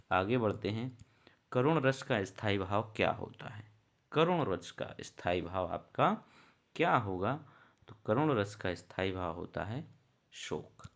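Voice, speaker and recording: A man with a fairly low voice coaches students through exam questions online. He reads each question aloud, then walks through the answer, calling his viewers brother and friend. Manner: casual, chatty, calls viewers brother and friend. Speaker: exam prep teacher.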